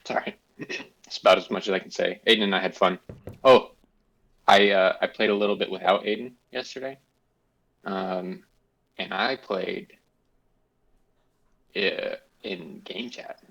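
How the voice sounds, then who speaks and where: A man co-hosting a gaming podcast, talking in a playful, rambling way with lively jumps in pitch. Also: unhurried, gravelly, long pauses, lo-fi sound. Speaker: podcast co-host. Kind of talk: casual gaming chat.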